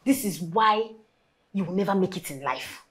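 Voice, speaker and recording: An actress playing a jealous, scornful Nigerian waitress gossiping in a film drama. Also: female voice, on the low side, expressive, moderate pace, a crowd in the background, close to an everyday voice. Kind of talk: film drama dialogue in Pidgin.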